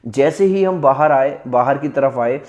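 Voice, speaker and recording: A male teacher reads English textbook lines slowly and explains each one in casual, conversational Hindi, calling his students beta and bhai. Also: medium pitch, a little mellow.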